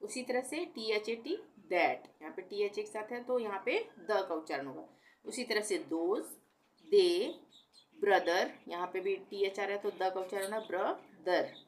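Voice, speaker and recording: Woman teaching pronunciation, slow and repetitive. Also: medium pitch. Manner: slow, deliberate, repeats each word to drill it. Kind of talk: classroom-style lesson explaining rules.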